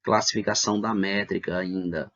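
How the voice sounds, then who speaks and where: A low-pitched male teacher walks pupils through an online lesson step by step. He asks himself rhetorical questions and keeps checking in with his students. The sound is dull and lo-fi, like a basic computer mic. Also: steady tone, normal speed, fairly bright tone. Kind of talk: online lesson for middle school.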